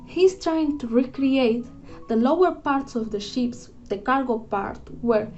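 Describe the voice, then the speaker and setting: Guitar music plays under this dull, lo-fi recording of a young woman, a student reading out a book review she has prepared. She has a high voice and a darkish tone, and she speaks at a measured pace. Her delivery is careful and earnest, with a few restarts.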